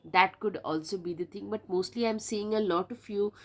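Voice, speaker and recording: A woman with a blocked, stuffy nose talks through a tarot reading in a loose, chatty way. She leans on fillers and says the same words twice. Her voice sits in an ordinary middle pitch. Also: moderate pace. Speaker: tarot reader. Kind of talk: casual tarot reading to camera.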